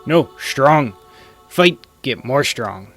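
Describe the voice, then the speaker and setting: A man's voice: medium pitch, lively intonation, very slow, a bit bright, soft background music, full character voice. A man voicing blunt prehistoric cave-dwellers from a video game in a dopey, bellowing voice and broken speech. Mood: urgent, forceful. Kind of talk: reading game dialogue aloud in character.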